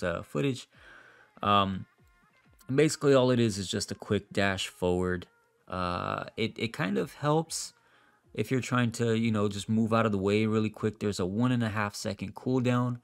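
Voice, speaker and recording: A man with a cold, speaking in a nasal voice, gives relaxed, chatty gameplay commentary as a voice-over. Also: lowish voice, no echo. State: sick with a nasal voice. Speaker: gaming content creator. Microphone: voice-over recorded apart from the footage.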